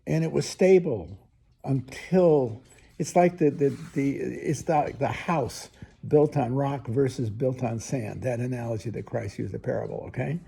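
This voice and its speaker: An older priest speaks his reflection with earnest emphasis and conversational asides. His voice is dark and gravelly, with a husky, unpolished edge. The tone is spoken and sermon-like, never read. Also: medium pitch, measured pace.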